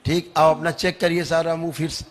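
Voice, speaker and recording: A man acting as a spiritual healer who leads a public healing session, chanting softly and making wry jokes. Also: a little high, flat delivery, brisk. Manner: soothing, chanting, wryly joking.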